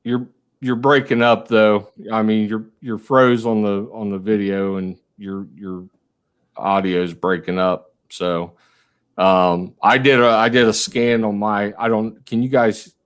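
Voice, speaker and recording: A man who talks haltingly over a choppy video call and repeats his words as he checks the connection. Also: lowish voice, fairly even intonation, clear, resonant tone. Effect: choppy video call audio. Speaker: interview guest.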